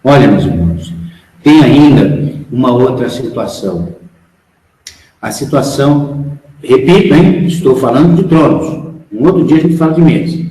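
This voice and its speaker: A man's voice: medium pitch, animated, measured pace, long pauses, mellow. Frank Brazilian man lecturing in echoey hall. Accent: Brazilian Portuguese. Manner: frank, emphatic, asks the audience rhetorical questions. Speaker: spiritual instructor. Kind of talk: spiritual lecture to followers. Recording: echoey hall, long reverb.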